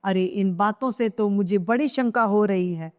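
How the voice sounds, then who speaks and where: A woman voicing a troubled king, speaking in a lower voice with anxious unease. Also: measured pace, long reverb tail, lightly acted. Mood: uneasy. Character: stricken king, fearful and uneasy father.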